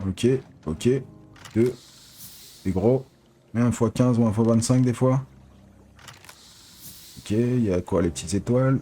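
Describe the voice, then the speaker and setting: A man giving excitable, casual live commentary as a casino streamer, pleading with the reels and swearing. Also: mid-range voice, measured pace, long pauses.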